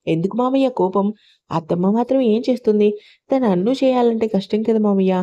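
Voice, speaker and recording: A woman voicing a gentle young daughter-in-law who pleads and soothes, on a dull lo-fi recording. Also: medium pitch, a little fast, lightly acted. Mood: coaxing.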